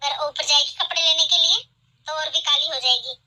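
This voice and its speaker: A woman voicing a domineering, taunting mother-in-law in an animated family drama, who scolds sharply. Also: high-pitched, normal speed, low-quality recording. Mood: scolding. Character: bossy, scolding middle-aged mother-in-law.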